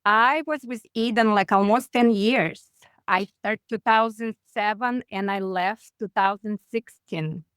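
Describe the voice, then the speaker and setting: A woman in her forties from Russia with a Russian accent, chatting as a guest on a video call, halting and full of fillers. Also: mid-range voice, fairly bright tone, clean tone, no echo. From Russia (far east). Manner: halting, many "like" fillers, simplified grammar. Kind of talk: casual interview over video call.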